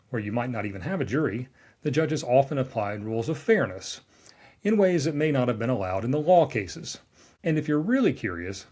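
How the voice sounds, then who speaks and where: A man's voice: medium pitch, dark tone, breathy edge. A man, a lawyer reading a scripted explainer with wry, dry asides. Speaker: trademark lawyer recapping a newsletter.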